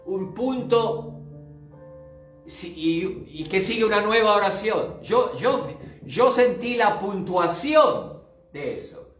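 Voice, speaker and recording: A man's voice: high-pitched, fairly bright tone. An older male pastor giving a fervent sermon testimony, dropping in short English asides. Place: church. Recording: roomy church sound, distant mic, faint music.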